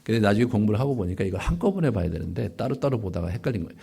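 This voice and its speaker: A man preaching a Bible lecture as a pastor, animated and full of rhetorical asides. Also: very fast, gravelly, breathy edge. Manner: animated, rising and falling sharply in pitch and loudness, rhetorical "예?" asides.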